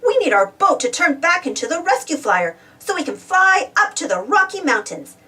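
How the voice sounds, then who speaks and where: Reading a storybook for children at an ordinary pace, this high-voiced woman sounds highly animated and full of exclamations, addressing her young audience with questions. The mic picks her up from some distance.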